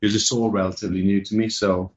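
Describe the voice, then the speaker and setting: Low, flat Welsh man on a call. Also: racing, husky, lo-fi sound. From Wales. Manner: laid-back, hesitant with many fillers. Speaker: guest. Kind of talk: casual chat. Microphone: video call.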